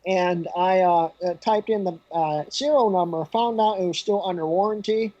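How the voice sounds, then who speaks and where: A man's voice: sits high, moderate pace, dark tone, dry recording. A man co-hosting a podcast over a call, rambling with fillers while his audio glitches and freezes. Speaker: podcast co-host. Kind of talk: casual chat over a call. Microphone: laptop on a video call. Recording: dull, dry remote call audio.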